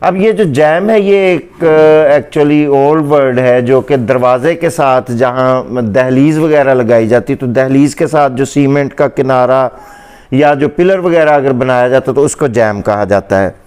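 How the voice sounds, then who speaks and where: A male English teacher giving a pronunciation lesson, saying each word slowly and more than once so it can be heard well. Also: mid-range voice, a little mellow, clean tone. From Pakistani Punjab. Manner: slow, deliberate repeating of each word. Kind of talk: pronunciation lesson in Hindi-Urdu.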